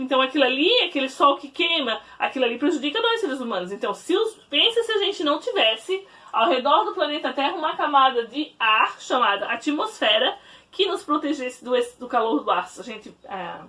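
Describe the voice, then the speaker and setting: Woman teacher recording a class at home, high and animated voice, a bit distant from the mic. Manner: warm didactic, explaining slowly to children with frequent "né?". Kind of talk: recorded remote class lesson. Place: at home, in her bedroom.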